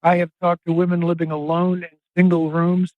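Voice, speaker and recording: Older male reporter guest, high-pitched, earnest and emphatic in an interview, dry dull podcast sound. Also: completely flat delivery, no echo. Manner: earnest, emphatic, drawn-out phrasing. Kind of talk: impassioned interview monologue.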